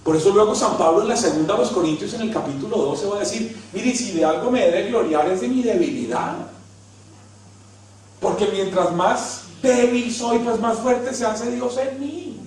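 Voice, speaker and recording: A man with a Colombian accent preaching, telling funny stories about himself and swinging between hushed and loud. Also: high voice, normal speed. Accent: Colombian Spanish. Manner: storytelling, self-mocking, swings from hushed to loud. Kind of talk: humorous sermon. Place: large hall. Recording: very echoey hall, mic at a distance.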